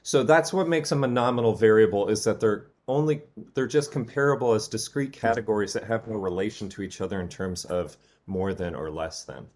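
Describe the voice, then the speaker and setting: A man's voice: lowish voice, a little fast, few pauses, darkish tone. A man teaching a statistics class in a recorded lecture. He explains step by step, with frequent ums and rhetorical "right?" checks. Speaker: statistics instructor.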